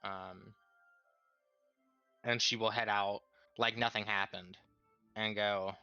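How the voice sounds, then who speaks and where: Male tabletop player, casual, forward crisp lower voice, slightly muffled, faint music behind. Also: level tone, takes it slowly, bright, forceful tone, no echo. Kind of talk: casual game narration in third person.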